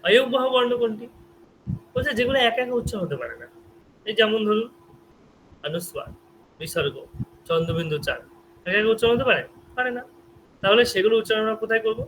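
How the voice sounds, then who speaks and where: A man's voice: high voice, animated, fairly quick, long pauses, a bit bright, poor audio. A man teaching Sanskrit grammar in an online class, asking frequent check questions and repeating syllables aloud so students can copy them. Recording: faint background noise.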